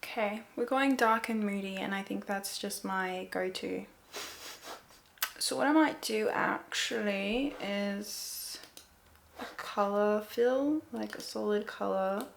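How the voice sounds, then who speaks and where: A woman's voice: medium pitch, slow, creaky, slight background noise. A woman talking casually through a photo editing tutorial, thinking aloud hesitantly and often repeating her words. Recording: music playing behind the voice. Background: music.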